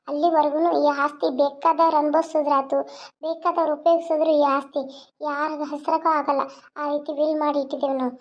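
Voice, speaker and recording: A woman's voice: high-pitched, pitched below the performer's own voice, close to an everyday voice. A woman voicing a young mother and police officer, tearful and tender as she says goodbye. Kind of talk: cartoon voice acting. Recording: dull lo-fi sound.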